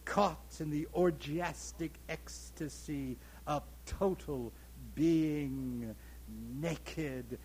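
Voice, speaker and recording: A grandiose, lusty colonial landowner holds forth in a poem, as a man reads him aloud. The delivery is very slow and declaiming, with words swelling to sudden loudness. The voice sits a little high, with a faint hum behind it. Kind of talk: dramatic monologue poetry reading.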